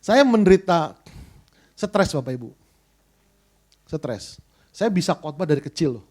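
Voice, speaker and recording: A middle-aged male pastor from Indonesia preaching a sermon, telling a story with big swings between loud and hushed. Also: a little high, very animated, measured pace.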